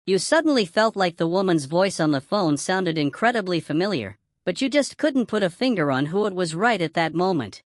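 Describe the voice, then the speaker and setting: Woman narrating a story, lively pitch. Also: brisk, hardly any pauses, dry recording, clean studio sound. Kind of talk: scripted second-person story narration.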